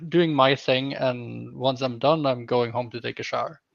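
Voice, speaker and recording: Gravelly man chatting casually. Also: mid-range voice, steady tone, normal speed, no room sound, highs cut off. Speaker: co-host giving his opinion. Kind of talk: casual chat.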